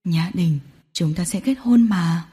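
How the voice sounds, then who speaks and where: Storybook: soothing young man, played by a woman, low, dark and soft. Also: brisk, breathy edge. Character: gentle soothing young man, patient boyfriend.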